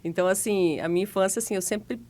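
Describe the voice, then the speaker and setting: A woman in her forties from Paraná, Brazil, a guest telling her story in a relaxed, chatty way with easy laughs. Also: mid-range voice, fast. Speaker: guest, financial consultant. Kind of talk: relaxed interview conversation.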